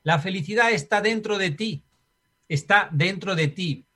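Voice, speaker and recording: His voice sits high and sharp, and he talks a little slowly with a Spanish accent. Appearing as a guest in a conversational interview, he's reflective and habitually closes sentences with "right?" or "¿no?".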